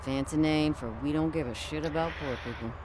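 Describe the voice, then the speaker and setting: An actor as a jaded beat cop in a video game. The voice is mid-pitched and blunt, full of sarcasm, over faint background noise. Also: brisk, close to an everyday voice. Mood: sardonic. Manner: sardonic, blunt.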